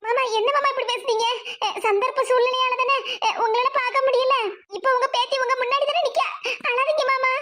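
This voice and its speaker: A woman voicing a cheerful teenage village girl with a Kanyakumari Tamil accent in an animated cartoon. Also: very high voice, fairly quick, few pauses, very noisy. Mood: soothing.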